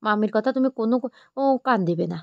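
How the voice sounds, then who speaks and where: A woman's voice: mid-range voice, fast, no echo, muffled recording, lightly acted. A woman voicing a bold teenage girl who talks back in a demanding, cheeky way. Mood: protective.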